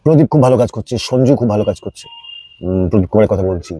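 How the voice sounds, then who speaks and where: A man's voice: fairly low pitch, lively intonation, fast talker, warm tone, slightly rough, no room sound. A man answering interview questions like a mentor, explaining patiently and repeating words for emphasis. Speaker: jatra playwright and performer, interview guest. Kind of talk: reflective interview talk, giving advice.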